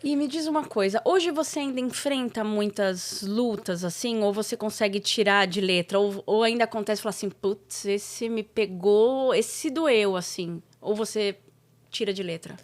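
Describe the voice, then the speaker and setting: A woman's voice: medium pitch, moderate pace. A woman hosting a casual interview, asking friendly, encouraging questions with frequent tag questions. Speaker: host.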